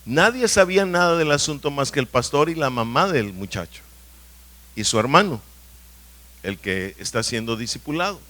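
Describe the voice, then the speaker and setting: A man's voice: mid-range voice, very animated, normal speed, sharp tone. A man preaching a sermon as pastor, telling testimonies and often asking the congregation whether they understand. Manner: emphatic, asks the congregation questions often. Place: church hall.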